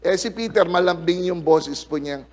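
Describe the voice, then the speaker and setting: A man with a notably high voice preaches to a gathered congregation. He is a middle-aged pastor who tells stories from the pulpit and keeps the room engaged by calling for amens. His delivery is lively and personal. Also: moderate pace. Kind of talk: sermon with storytelling. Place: church service before a congregation.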